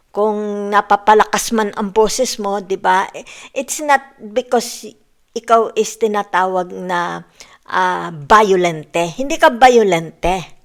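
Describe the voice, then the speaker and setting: A woman from the Philippines giving a casual tarot reading, mixing English into Filipino and checking in with tag questions. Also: medium pitch. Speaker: tarot reader.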